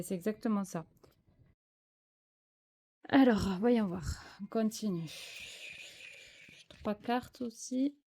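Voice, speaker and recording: A woman's voice: medium pitch, a little mellow. A French-speaking woman giving a spiritual tarot reading, hesitant and searching for words with many fillers. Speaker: tarot card reader.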